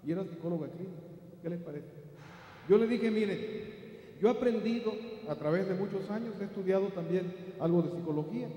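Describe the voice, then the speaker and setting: A middle-aged Mexican man preaching a sermon as pastor, rising to emphatic peaks and dropping to soft asides. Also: high voice, brisk. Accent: Mexican Spanish. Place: large church hall. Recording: very echoey church hall.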